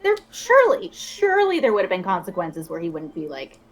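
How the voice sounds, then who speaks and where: A woman's voice: fairly low pitch, wildly swooping pitch, brisk. Woman bantering casually on a game stream. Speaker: streamer co-voicing game characters.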